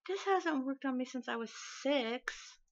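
A woman's voice: sits high, expressive, a little slow, dull audio, a little hiss or hum. Woman voicing a snarky teenage daughter. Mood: exasperated. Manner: sarcastic, exasperated. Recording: game music playing behind.

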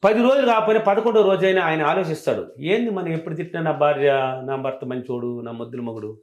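A man working as a relationship coach, giving animated, emphatic advice and repeating his key points. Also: on the high side, fast. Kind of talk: advice talk. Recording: roomy echo.

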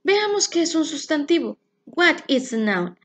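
A woman teaching an English grammar lesson, explaining rules slowly and clearly and reading example sentences. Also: sits high, sing-song. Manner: clear, slow explanations with spelled-out endings.

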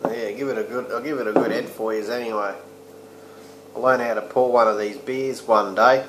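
A man's voice: mid-range voice, steady tone, normal speed, very noisy. Laid-back Australian man in an echoey room. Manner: laid-back, rambling, crude slang. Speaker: beer reviewer. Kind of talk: casual beer review vlog. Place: small room indoors. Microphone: webcam or laptop mic close up.

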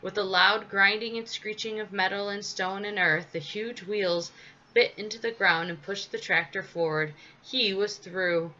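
A woman reading a children's story aloud in a measured, expressive way. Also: medium pitch. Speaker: storybook reader. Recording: slightly dull with faint hiss.

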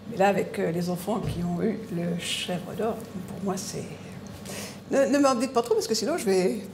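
A man from the family, emotional and excited, speaking to a reporter with an overwhelmed voice. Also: high-pitched, moderate pace, reverberant, music in the background.

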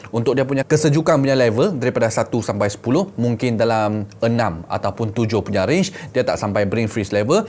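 A man's voice: medium pitch, a little mellow. Malaysian man doing a casual product review. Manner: colloquial, repeats phrases, talks to viewers as 'guys' and 'gang'. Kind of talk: casual unboxing and review vlog. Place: small indoor room set up as a gaming studio.

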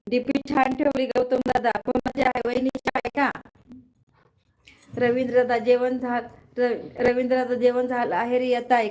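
A woman's voice: on the high side, a little mellow, low-quality recording. A woman hosting a casual live stream from her phone, greeting viewers by name, reading their comments aloud and checking that her sound comes through.

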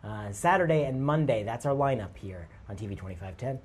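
A man's voice: on the low side, animated, brisk, slightly rough. A man hosting live parade commentary from a TV studio, upbeat and playful. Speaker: host. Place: TV studio overlooking the street.

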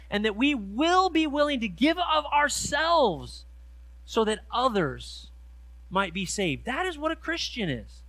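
A middle-aged man preaching a sermon in a church, reading scripture slowly and stressing key words with earnest emphasis. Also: very high-pitched, bright, forceful tone, no room sound. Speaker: pastor. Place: church sanctuary. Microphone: handheld mic.

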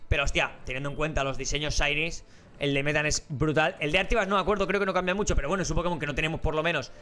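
A man's voice: on the high side, fairly even intonation, racing, sharp tone. A man giving casual, rambling gameplay commentary as a let's play host, joking and swearing casually.

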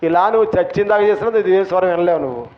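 A male pastor preaching a sermon in a church, impassioned, swinging between shouting and soft asides. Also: sits high, racing. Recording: dull lo-fi recording, faint room noise.

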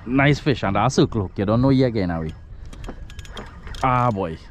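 A man with a Trinidadian accent giving chatty, excitable running commentary while fishing from a small boat. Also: fairly low pitch, moderate pace. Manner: chatty, excitable, creole phrasing. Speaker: fishing vlogger. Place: outdoors on a small boat at sea. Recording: noisy outdoor water and wind.

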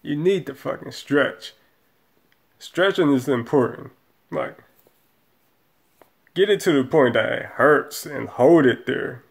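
A man's voice: mid-range voice, slow, vocal fry, pauses often. A man in his thirties giving a profane, rambling post-game rant as a football fan, filmed in a small room on a webcam. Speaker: sports fan vlogger.

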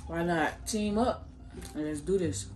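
Chatting casually while she eats, a young woman mukbang vlogger speaks a little slowly in a lowish, somewhat dark voice, often through a mouthful of food. She's informal and slangy, addressing her audience as "y'all" and "bro." It's indoors in a small home room with soft background music.

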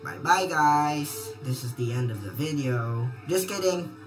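Woman host, deep for her range, jumpy and teasing let's-play chatter over loud game music. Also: measured pace. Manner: excitable, taunting, breaks into squeals and rambling apologies. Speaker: gameplay channel host. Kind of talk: casual gameplay commentary.

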